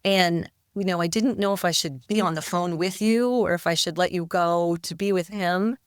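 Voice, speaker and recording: Middle-aged woman guest, lowish pitch, smooth tone; reflective, hesitant. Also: normal speed, dry recording, studio quality. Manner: reflective, hesitant with repeated words. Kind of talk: interview storytelling.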